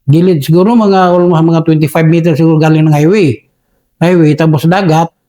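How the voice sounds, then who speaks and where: A man's voice: fairly high pitch, steady tone, brisk, dark tone. A Filipino man recounting a battle in an interview, deferential, adding "sir" after nearly every phrase. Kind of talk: interview storytelling.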